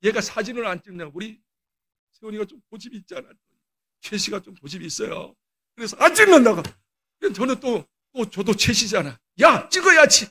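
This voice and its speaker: Older male pastor, higher-pitched voice, storytelling sermon with dramatic bursts. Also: fairly quick, slightly rough. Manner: storytelling, acts out quoted dialogue with sudden loud bursts. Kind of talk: sermon with personal stories.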